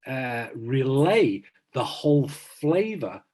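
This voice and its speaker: Speaking slowly and in a sing-song way, this podcast co-host from south Manchester, England, is in his fifties. He chats casually but emphatically, restating things to stress them. His voice is mid-range and a little mellow.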